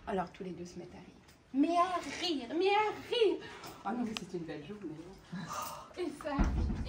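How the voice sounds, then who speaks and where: A woman telling a folk tale in an animated way, full of exclamations and repetitions. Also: a little high. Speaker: storyteller. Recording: distant mic with background noise.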